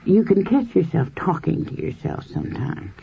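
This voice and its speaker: A woman researcher giving a measured, explanatory lecture to a group, walking through everyday examples with the odd filler. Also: on the low side, sing-song, vocal fry, dark tone, slight background noise. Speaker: hypnosis and past-life researcher lecturing. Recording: dull lo-fi 1970s tape recording.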